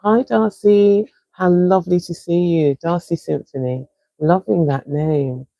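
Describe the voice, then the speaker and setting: A South London woman from England works as a wellness coach, leading viewers through a breathing exercise on a live stream in a slow, soothing, encouraging way. Her lowish voice is mellow, soft-edged and gravelly, with fairly even intonation. The recording is dry, close and low-quality, made on a phone or webcam with no room sound or echo.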